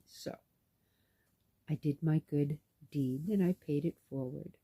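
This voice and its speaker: A woman's voice: sits low, slow, breathy edge, no room sound. A woman vlogger casually telling a story in a chatty way, acting out what people said. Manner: chatty, animated, acts out dialogue. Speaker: knitting vlogger and caregiver.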